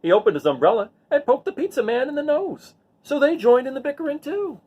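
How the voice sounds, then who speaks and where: Here the storyteller's voice is extremely high and fairly quick as he reads a picture book aloud. He performs each line expressively and slips in offhand remarks along the way.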